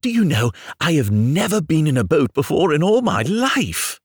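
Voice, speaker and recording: A man playing a timid young male mole from a storybook, raised high and full of eager wonder. His voice climbs and falls widely, with a touch of gravel and a dry, close sound. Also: big pitch swings, moderate pace, no echo. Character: shy, wide-eyed young male mole. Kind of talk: storybook reading.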